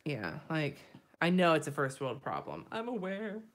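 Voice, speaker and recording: Low-voiced woman chatting while drawing. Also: big pitch swings, normal speed. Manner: rambling, chatty, swears freely, laughs often. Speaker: lettering artist and live-stream host. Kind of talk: casual live-stream chat while drawing.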